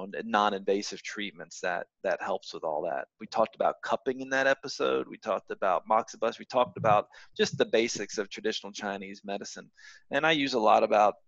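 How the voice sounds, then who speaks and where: A man's voice: on the low side, gravelly, a bit bright, dry recording. A man co-hosting a podcast in casual chat, rambling with fillers and restarts, on a muffled microphone. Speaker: podcast co-host, acupuncturist. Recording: muffled, dull dry mic.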